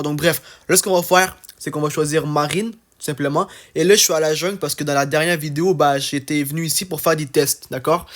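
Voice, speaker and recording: A young man with an accent giving casual, chatty gameplay commentary, full of fillers and checking in with "d'accord?". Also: on the high side. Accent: non-standard French accent. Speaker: gaming YouTuber.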